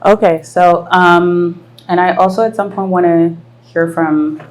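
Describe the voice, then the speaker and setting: Low-voiced woman hosting a live podcast. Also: fairly even intonation, measured pace. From France. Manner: reflective, thoughtful, many fillers. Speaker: podcast host. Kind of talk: casual live podcast conversation. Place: live event venue with audience.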